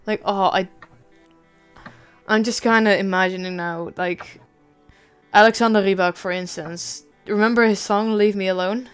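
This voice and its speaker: A woman's voice: medium pitch, steady tone, normal speed, clear, resonant tone, faint music behind. A young adult woman streamer chatting casually, rambling and self-deprecating, swearing now and then.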